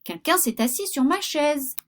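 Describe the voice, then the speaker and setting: A woman's voice: high voice, lively intonation, moderate pace, voice pushed up. A woman voicing the middle-sized bear in a storybook reading, with a raised, emphatic voice. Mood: indignant.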